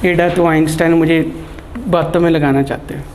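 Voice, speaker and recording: A man's voice: a little high, steady tone, moderate pace, darkish tone, slight background noise. A man giving a chatty classroom lecture, teasing his students and mixing in English terms. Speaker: teacher.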